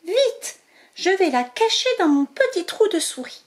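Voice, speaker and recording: A woman voicing an eager little female mouse in a storybook reading, with high excited exclamations. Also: unhurried, heavily acted.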